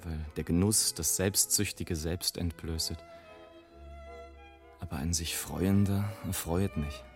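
In a radio play, a male actor with a deep voice portrays a sardonic, world-weary airship traveller. He narrates in a measured, literary style with a musing mood.

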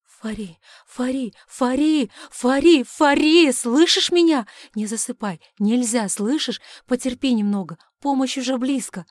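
A woman's voice: medium pitch, fairly even intonation, normal speed, a little mellow, dry recording, clean studio sound, close to an everyday voice. A woman voicing a desperate, loving husband whose voice cracks with alarm, in an audiobook. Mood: frantic shouting.

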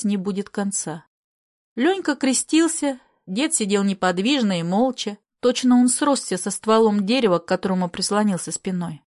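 A woman narrating a literary story in a measured, expressive reading style. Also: mid-range voice.

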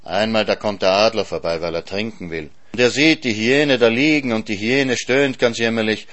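A man reading a story aloud in a calm, lively storytelling manner. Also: on the low side, moderate pace. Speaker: narrator.

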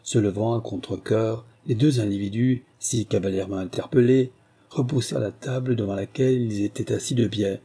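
A man narrating a detective story in steady, even storytelling. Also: fairly low pitch, brisk, slightly rough. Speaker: audiobook narrator. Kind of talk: scripted narration.

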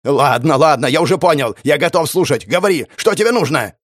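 A man voicing a ruthless, cornered male gang boss who shouts and curses threats in an audiobook. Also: fairly high pitch, animated, brisk, no echo, clean studio sound, voice pushed up. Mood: grudging. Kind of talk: audiobook character voice.

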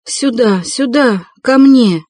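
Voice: mid-range voice, a little slow, darkish tone, no echo, clean studio sound, voice pushed up, lightly acted. A reader voicing a desperate young woman, urgent and pleading, in an audiobook reading.

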